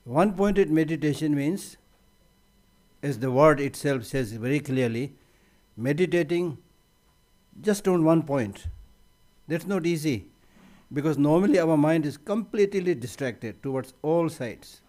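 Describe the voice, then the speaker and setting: Brief: male Buddhist teacher, mellow tone, chatty restarts, light humor. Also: on the high side, lively intonation, measured pace. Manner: conversational, repeats words as he restarts. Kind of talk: conference teaching talk.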